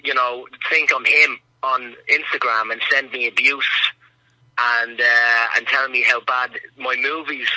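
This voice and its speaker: Bright-voiced man telling comic anecdotes. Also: mid-range voice, steady tone, measured pace, dry recording, rough recording. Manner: rambling anecdotes, chuckling through punchlines. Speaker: comedian guest. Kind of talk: casual radio interview storytelling.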